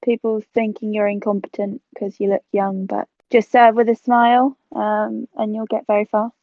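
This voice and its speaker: A woman's voice: mid-range voice, flat delivery, normal speed, no echo. A woman in her twenties, originally from South Africa, chatting casually as an interview guest and laughing easily. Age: 20s. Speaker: guest photographer. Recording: tinny phone-like line.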